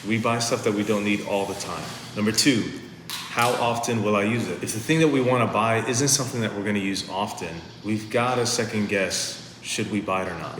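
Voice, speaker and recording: A man's voice: fairly low pitch, a bit bright, slight background noise. A man hosting a vlog, giving earnest, practical advice to camera from inside his home. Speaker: lifestyle vlog host. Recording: echoey room with long reverb, faint ambience.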